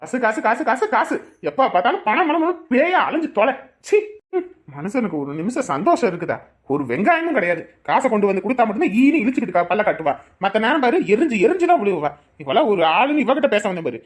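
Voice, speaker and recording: A quick-tongued middle-aged village husband with a lilt, as a woman acts him out in a cartoon. He rattles off teasing lines and sharp complaints at a brisk clip, in a mid-range voice. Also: mid-range voice, lively intonation, natural voice. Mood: exasperated. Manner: teasing, then scolding in bursts.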